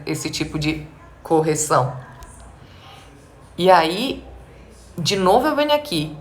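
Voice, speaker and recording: A woman with a Brazilian Portuguese accent, a speech therapist giving a live advice talk to parents, speaking emphatically and asking them direct rhetorical questions. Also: fairly low pitch.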